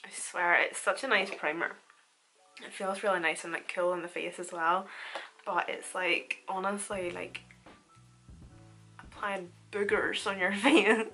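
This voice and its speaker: Young woman, bright voice, casual beauty vlog chat, light music behind. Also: on the low side, a little slow, pauses often, poor audio. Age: 20s. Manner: informal, chatty, animated storytelling. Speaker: beauty vlogger. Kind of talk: casual chatty makeup tutorial. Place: small room at home, indoors.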